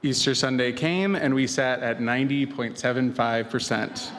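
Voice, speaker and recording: A man speaking as a missionary, giving a measured, earnest testimony with formal wording. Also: mid-range voice, steady tone. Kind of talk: personal testimony. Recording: echoey hall with faint noise.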